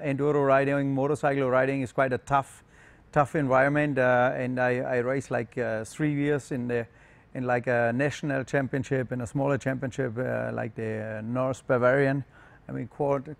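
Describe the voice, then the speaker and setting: Male race driver, unhurried. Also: mid-range voice, vocal fry, no room sound. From Germany. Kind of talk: casual interview answers.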